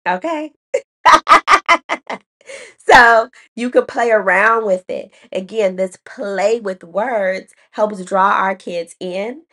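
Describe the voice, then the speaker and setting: A woman's voice: mid-range voice, drawn-out words, pushed and bright. A woman educator hosting a podcast, explaining a writing lesson in a chatty way, laughing at herself, with many ums and restarts. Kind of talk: casual teaching talk.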